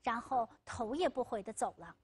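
A woman lecturer on a TV legal program, telling a story in a vivid, expressive way. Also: on the high side, moderate pace, music in the background. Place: TV studio.

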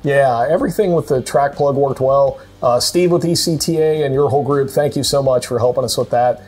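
A man's voice: mid-range voice, fairly quick, darkish tone, slightly rough. Middle-aged guy in a studio, chill storytelling, faint music behind. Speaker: co-host. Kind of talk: casual studio conversation. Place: indoor studio with a car.

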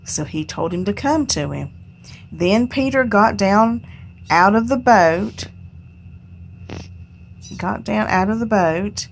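A woman hosting a home Bible study, reading scripture aloud and musing on it in a folksy, unhurried way. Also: mid-range voice, animated, creaky, a little hiss or hum. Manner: folksy, unhurried, reads scripture aloud then muses on it with "you know". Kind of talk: casual Bible reading and reflection.

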